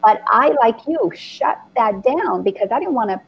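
A middle-aged woman from the Dominican Republic, hosting a spiritual conversation and telling her story with earnest, animated feeling. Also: on the high side, normal speed, creaky, slightly rough, muffled recording.

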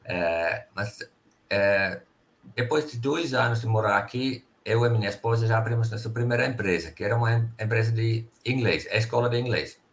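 A Finnish-accented guest, a middle-aged company sales director from Finland, chats casually in an interview, speaking Portuguese as a non-native. His voice is on the low side and his pace is normal. He tells his stories easily, with careful phrasing.

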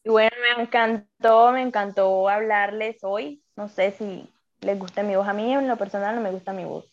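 A woman's voice: mid-range voice, steady tone, moderate pace, muffled recording. A young woman with a coastal Colombian Spanish accent chats casually as a podcast guest, rambling and exclaiming as she goes. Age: young adult.

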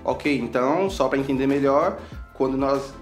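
A man, a podcast co-host asking questions in a halting, inquisitive way. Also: medium pitch, soft background music.

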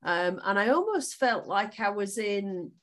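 A woman's voice: medium pitch, very animated, a little slow, fairly bright tone. A woman in a casual chat, telling a story in a rambling way with lots of ums.

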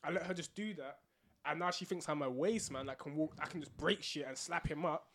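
A man's voice: a little high, a little fast, a bit bright. A young man with a London street accent, arguing insistently in casual slang and repeating himself. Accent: London, urban street. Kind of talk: casual group debate, heavy slang.

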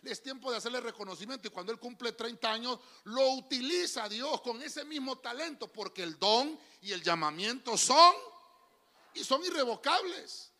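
A male preacher, his voice high and swinging widely in pitch as he delivers an animated, folksy sermon. The tone is bright and edgy, with a gravelly crackle running through it. He keeps addressing the congregation directly as "brother". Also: moderate pace, in a large hall. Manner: animated and folksy, often calls listeners "brother". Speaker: pastor. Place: church before a congregation.

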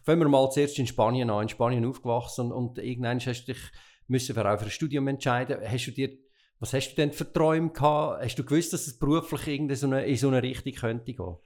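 Relaxed male interviewer. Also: mid-range voice, fast talker. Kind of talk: interview conversation.

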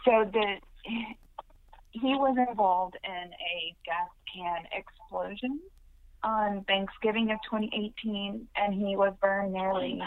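A woman heard over a narrow, tinny phone line, with a slightly low voice and a dry, close sound. She talks very slowly, explaining in measured steps with plenty of fillers. She is calling in as a guest on a sports show. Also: no room sound. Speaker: mother of a burn survivor, phone guest.

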